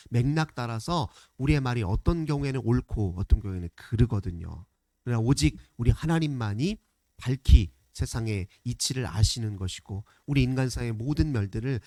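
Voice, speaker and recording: Lively-voiced male pastor preaching. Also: medium pitch, no room sound. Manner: explanatory, conversational preaching, briefly acting out quoted speakers. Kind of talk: family worship sermon.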